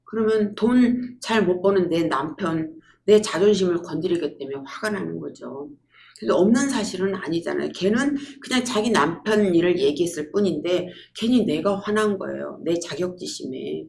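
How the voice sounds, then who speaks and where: A woman giving a public lecture, telling lively stories and acting out quotes. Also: lowish voice, moderate pace, vocal fry. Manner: lively storytelling with acted-out quotes.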